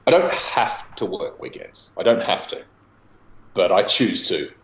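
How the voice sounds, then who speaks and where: A young Australian man chatting casually over a video call, laid-back and quick to laugh, swearing now and then. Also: sits low, sing-song, reverberant, a crowd in the background, rough recording. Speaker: guest homebrewer.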